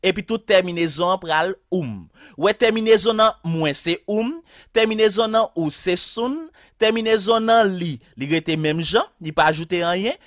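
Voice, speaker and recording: Animated Haitian man teaching a language. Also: sits high, dry recording, clean studio sound. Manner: slow, repetitive, spells out each rule. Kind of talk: online language lesson.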